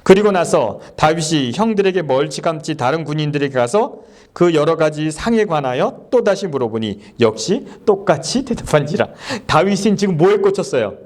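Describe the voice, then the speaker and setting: A male pastor preaching at a church service, animated and often quizzing the congregation with quick questions. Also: a little high. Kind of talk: sermon.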